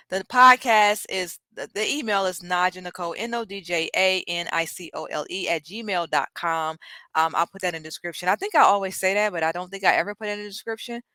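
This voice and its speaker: A woman's voice: mid-range voice, pushed and bright, no room sound, poor audio. A woman in her thirties from Detroit co-hosting a hip-hop podcast, chatting casually with lots of ums. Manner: chatty, enthusiastic, many ums. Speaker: podcast co-host. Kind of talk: casual chat.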